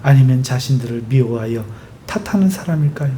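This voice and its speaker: A male pastor preaching a sermon, driving it with lively rhetorical questions and emphatic stress. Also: mid-range voice, fairly quick, slight background noise.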